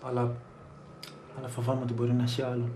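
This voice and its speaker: A man's voice: medium pitch, monotone, warm tone, slight background noise, close to an everyday voice. An actor playing a young man just dumped by his girlfriend, dejected and pleading. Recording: roomy echo.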